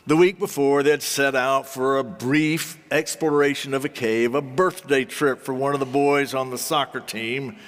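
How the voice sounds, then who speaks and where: A man preaching a sermon in deliberate, solemn phrases, with rhetorical repetition and dramatic pauses. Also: medium pitch, steady tone, soft background music. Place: large reverberant hall or sanctuary. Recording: long hall reverberation.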